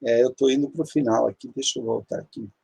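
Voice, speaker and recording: A man's voice: medium pitch, fairly even intonation, quick pace, vocal fry, a little mellow, breathy edge. A man teaching an online grammar lesson. He explains patiently, repeats key terms and walks step by step through examples on screen. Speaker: Hebrew teacher.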